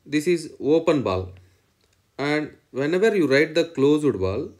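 A man's voice: a little high, very animated, a little slow, a little mellow. A man lecturing in mathematics, dictating definitions in short phrases and repeating each one as he writes.

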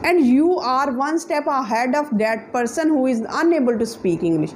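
A young woman with a Pakistani accent, a native Punjabi speaker, gives an earnest, emphatic motivational talk to camera as an English teacher, seated on a sofa indoors with lots of hand gestures. Her voice is high, expressive and darkish in tone, at a moderate pace, with a little hiss or hum.

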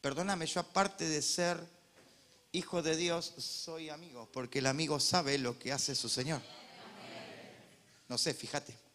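Man, Rioplatense Argentine accent, pastor, sermon, joking, bright, forceful voice. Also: fairly high pitch, measured pace, pauses often, slight background noise. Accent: Rioplatense Spanish. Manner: animated, joking, swings between loud preaching and quiet asides.

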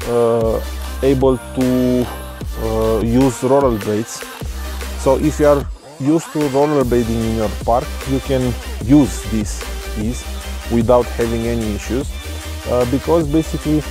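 A man in his thirties, a vlogger, hesitantly reviewing skis outdoors at the foot of a ski slope, speaking with many fillers and restarts to a camera at medium distance. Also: mid-range voice. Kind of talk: casual product review vlog. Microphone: camera on a tripod at medium distance.

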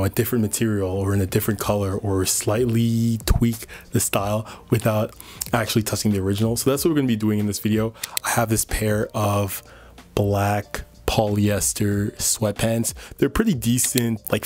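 Laid-back young man, low chatty voice. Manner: relaxed, chatty, lots of fillers like "like" and "you know". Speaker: sewing channel host. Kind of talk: casual sewing tutorial.

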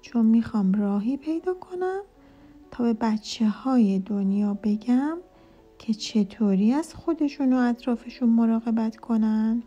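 A woman's voice: fairly high pitch, dark tone, muffled recording, soft background music, lightly acted. A woman voicing a curious, eager little girl in a read-aloud children's story. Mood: earnest.

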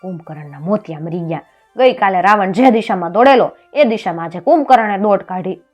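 Expressive woman storyteller, mid pitch, faint music underneath. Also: a little fast. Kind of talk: folk tale narration.

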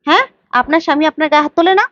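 A woman's voice: high voice, racing, fairly bright tone, dry recording. A woman voicing an arrogant, taunting husband who bullies his wife, on a dull lo-fi recording. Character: brash bullying young husband.

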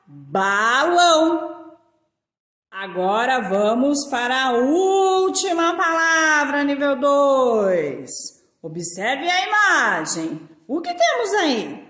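In an echoey room, a high-pitched Brazilian teacher speaking with a Brazilian Portuguese accent guides small children through their lesson. She draws out each syllable slowly in a sing-song style.

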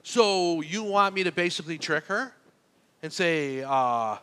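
A male pastor preaches in church in a fairly high, smooth, sharp-toned voice, animated yet a little slow, as he recounts a personal story in a conversational way, playing out the back-and-forth of what was said.

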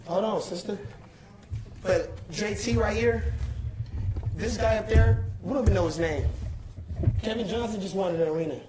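A man's voice: high-pitched, normal speed, pauses often, background noise. A young man giving an urgent, pleading speech to a crowded council chamber, often repeating himself to hold the room. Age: young adult. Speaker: protester addressing a council meeting. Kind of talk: impassioned public address. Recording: echoey chamber with loud crowd. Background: shouting crowd.

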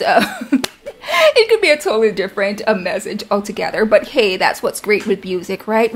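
A woman reacting to a song as a vlogger, talking in a gushing, effusive way with lots of "like" and "you know". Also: on the high side. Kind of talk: casual reaction chat.

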